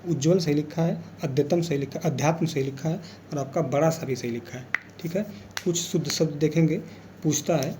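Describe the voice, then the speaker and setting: A man's voice: fairly high pitch, brisk, noisy background. A man teaching an exam revision lesson, explaining patiently and repeating key words as he goes.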